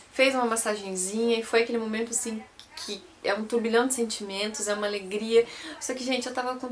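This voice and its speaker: Higher-voiced Brazilian woman telling a personal story. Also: fairly bright tone, slight background noise. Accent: Brazilian Portuguese. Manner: chatty, repeats and corrects herself, addresses viewers as gente. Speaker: vlogger.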